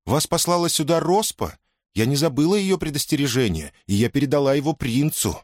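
A man reading aloud and voicing a gentle, perceptive young woman in a raised, soft tone. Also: fairly high pitch, lively intonation, a little fast, dry recording, clean studio sound, voice pushed up, lightly acted. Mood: questioning.

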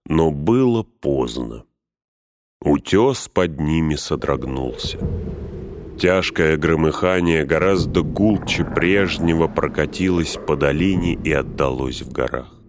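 A man narrating an audiobook in a measured way, dropping to a hush for whispered speech. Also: rumbling low, lively intonation, background noise. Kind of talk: audiobook reading.

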